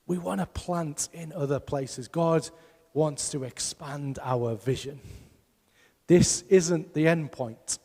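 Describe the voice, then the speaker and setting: A man's voice: fairly high pitch, takes it slowly, darkish tone, slightly rough, big-room sound. A man preaching a sermon as pastor, emphatic and putting rhetorical questions to his congregation. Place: church hall.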